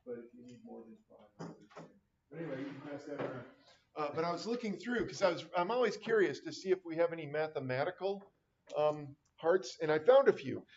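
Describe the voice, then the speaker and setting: A man's voice: mid-range voice, vocal fry, a little hiss or hum. A middle-aged man teaching a math class, chatting casually with wry, rambling asides. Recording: dull lo-fi classroom recording.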